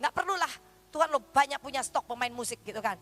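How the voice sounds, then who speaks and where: A woman's voice: sits high, fast talker. A middle-aged woman with an East Javanese Indonesian accent, preaching a sermon with stories and acting out the dialogue. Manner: animated, acts out dialogue in her stories. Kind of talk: sermon with storytelling. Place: church service.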